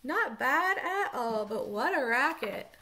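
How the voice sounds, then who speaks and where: Female music teacher, high, animated and slow-paced, reads a picture book to children outdoors. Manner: animated, sing-song call-and-response vocalizing. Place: outdoors at her home.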